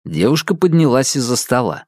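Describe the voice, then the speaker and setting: Male audiobook narrator, expressive, lively pitch, dry close mic. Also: brisk, no room sound. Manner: expressive, varied reading. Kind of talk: scripted narration.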